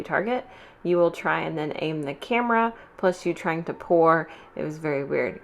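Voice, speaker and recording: A woman's voice: on the low side, fairly bright tone. A young woman chatting playfully and rambling through a coffee tutorial, joking about herself as she goes. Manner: playful, rambling and self-deprecating. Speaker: vlogger. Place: bedroom at a desk.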